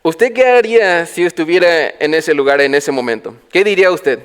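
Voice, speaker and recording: Man, pastor, sermon, higher pitch, loud then hushed. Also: normal speed, clear, resonant tone. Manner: preaching with rhetorical questions to the congregation; swings from loud calls to quiet low phrases. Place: church.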